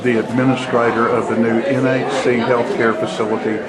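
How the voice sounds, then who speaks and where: A man's voice: medium pitch, little pitch movement, fairly quick. A man conducting a local event interview on location as a reporter. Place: crowded event. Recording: echoey, very loud crowd.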